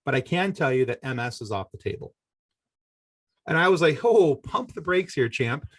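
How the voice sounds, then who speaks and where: A middle-aged man with a somewhat high, animated voice tells a personal story as a podcast guest on a dry recording. He speaks in a halting, conversational way and often stops to correct himself.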